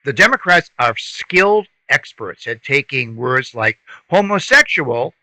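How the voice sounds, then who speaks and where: A man's voice: medium pitch, very animated, measured pace, pushed and bright, no echo, rough recording. A man co-hosting a podcast, talking politics in a punchy, sarcastic way. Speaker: podcast co-host. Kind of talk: casual political chat.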